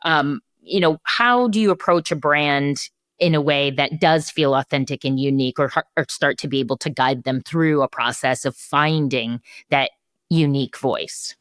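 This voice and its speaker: Woman podcast host, really low voice, rambly questions, dry sound. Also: normal speed, fairly bright tone, dry recording. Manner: searching questions with fillers and restarts. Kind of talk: casual podcast interview.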